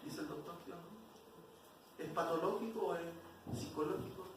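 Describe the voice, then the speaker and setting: A man's voice: on the high side, fairly even intonation, moderate pace. A man teaching an expository Bible class, often asking the class questions. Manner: questions the class, frequent "¿cierto?". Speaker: Sunday school teacher. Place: church hall. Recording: very echoey church hall from far off, noisy.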